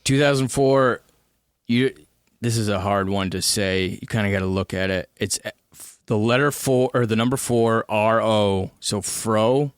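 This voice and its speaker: Low-voiced man in his thirties, joking. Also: measured pace, clean tone, no room sound, clean studio sound. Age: 30s. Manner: rambling, crude jokey recap. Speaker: podcast co-host. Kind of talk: casual chat.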